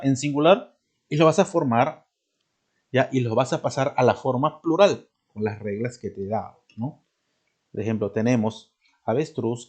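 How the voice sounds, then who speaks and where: Man, teacher, husky voice, didactic, keeps checking in with students. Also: medium pitch, a little mellow. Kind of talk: recorded grammar lesson.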